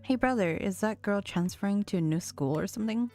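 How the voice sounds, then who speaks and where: An earnest anime boy voice, put on by a woman, serious and gentle like a schoolboy in a game dub. The pitch sits mid-range for a female voice, with music playing behind it. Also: fairly quick, natural voice.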